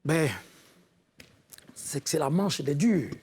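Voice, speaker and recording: A man giving a measured, halting critique as a talent show juror. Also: a little high, darkish tone, breathy edge. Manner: measured, halting, repeats words. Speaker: jury member. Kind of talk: spoken critique of a contestant.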